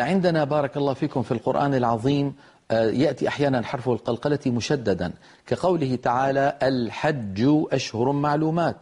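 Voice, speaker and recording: A man teaches Quranic recitation, with a mellow, dark voice. He explains at a measured pace and slows down to demonstrate each pronunciation. His pitch sits in the ordinary middle range for a man. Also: breathy edge. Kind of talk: televised tajweed lesson.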